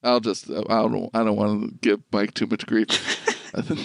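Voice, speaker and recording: A man's voice: fairly low pitch, very animated, measured pace, gravelly, no echo. A man playing in a tabletop game, joking around in casual chat with the group. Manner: playful, jokey. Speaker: player. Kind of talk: casual chat among players.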